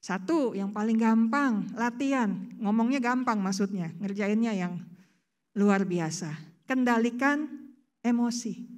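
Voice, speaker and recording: Woman preacher, high voice; casual sermon, rhetorical questions answered on the spot. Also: measured pace, darkish tone. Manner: chatty, asks rhetorical questions and answers them.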